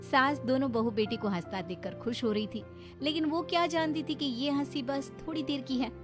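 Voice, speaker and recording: A woman narrating a story in an expressive, dramatic storytelling manner. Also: sits high, moderate pace, music in the background.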